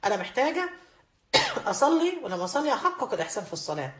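A woman's voice: fairly high pitch, big pitch swings, racing, a bit bright, roomy sound. A woman with an Egyptian accent giving a religious lesson to women, emphatic and repeating key phrases to drive them home. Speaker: religious teacher.

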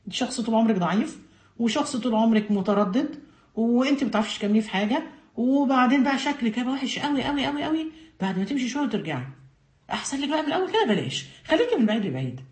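A woman's voice: on the high side, big pitch swings, racing, a little mellow. A woman with an Egyptian accent voicing a sly, coaxing tempter who talks a listener out of her resolve. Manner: coaxing, discouraging. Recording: roomy echo.

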